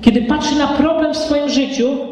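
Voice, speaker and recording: High-voiced man preaching in an echoey hall. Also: steady tone, normal speed, a little mellow, far from the mic. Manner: emphatic, with rhetorical questions and pitch swings. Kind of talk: sermon.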